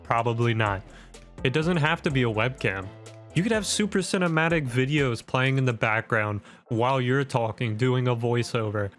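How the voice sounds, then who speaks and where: A man's voice: mid-range voice, animated, normal speed, fairly bright tone. A man hosting a YouTube tutorial with wired, over-caffeinated enthusiasm, speaking emphatically in punchy phrases and rhetorical questions. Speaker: YouTube content creator and host. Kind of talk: direct-to-camera tutorial, scripted vlog. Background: background music.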